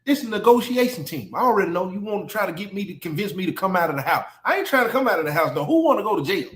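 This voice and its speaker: High-voiced animated storytelling man. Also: rapid-fire. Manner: animated, loud bursts, repeats phrases. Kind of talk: comedic storytelling. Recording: roomy echo.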